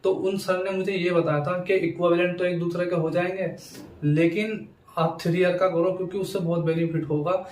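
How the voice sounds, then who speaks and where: Addressing students informally on camera, this young education YouTuber has a high-pitched, darkish voice with fairly even intonation and a moderate pace. He's insistent and repetitive, leaning on verbal tags, captured with a distant mic in a roomy, echoey space with faint noise.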